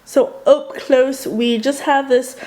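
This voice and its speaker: A woman's voice: sits high, fairly even intonation, slow, a little mellow. A young woman vlogging in a casual, chatty style, with a muffled, swallowed-sounding voice from being a little sick with tonsillitis. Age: young adult. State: mildly sick, recovering from tonsillitis. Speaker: video blogger.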